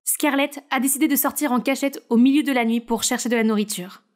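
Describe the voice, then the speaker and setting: A woman's voice: high voice, fast talker. A woman narrating a short story in a conversational way with personal asides.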